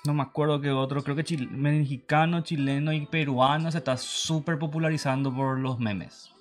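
A man's voice: a little high, steady tone. Rambling playful male host. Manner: quick, rambling, playful, many restarts. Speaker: show host. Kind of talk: casual chat.

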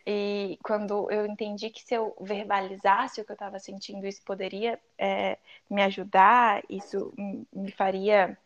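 A woman's voice: mid-range voice, level tone, a little slow, hardly any pauses, dull audio. A Brazilian woman co-hosting a casual podcast, speaking in a reflective, personal way and repeating phrases for emphasis. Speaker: podcast co-host.

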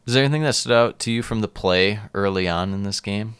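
A man's voice: on the low side, fast talker, fairly bright tone, smooth, dry recording. A man hosting a casual sports podcast, talking through soccer matches conversationally. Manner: conversational, asks co-host for opinions.

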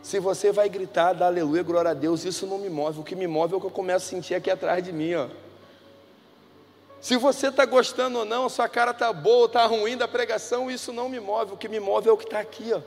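A man preaching a sermon in a church, telling stories conversationally and swinging between hushed and loud delivery. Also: sits high, a little fast. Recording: reverberant hall with music.

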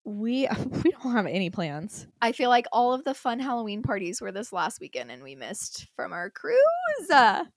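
Thirtysomething mom podcasting, laid-back and giggly, dry close mic. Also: female voice, medium pitch, sing-song, moderate pace, hardly any pauses, dry recording. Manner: casual, filler-heavy, laughing often. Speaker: podcast co-host. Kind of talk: casual chat.

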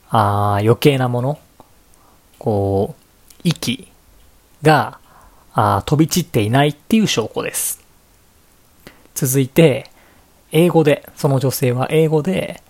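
A man from Japan with a Japanese accent, hosting his own podcast in an unhurried, chatty way and moving between English and Japanese. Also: mid-range voice, a little mellow. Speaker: podcast host. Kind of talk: casual solo podcast talk.

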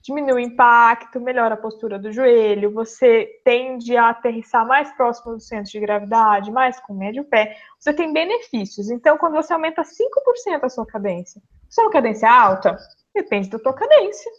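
A woman's voice: a little high, animated, brisk, muffled recording. A woman physiotherapist in a casual podcast chat, explaining things step by step. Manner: explanatory, methodical. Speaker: physiotherapist guest.

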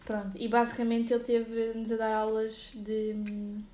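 A young woman with a European Portuguese accent, co-hosting a podcast with a playful, chatty manner. Her voice sits a little high and carries a noticeable room echo. She tends to think out loud as she talks. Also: monotone, normal speed, a little hiss or hum. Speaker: podcast co-host. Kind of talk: casual chat.

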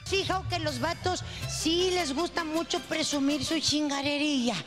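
A woman with a Mexican accent doing stand-up, crude and teasing in rapid banter. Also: high-pitched, steady tone, over music. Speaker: comedian. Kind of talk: stand-up comedy.

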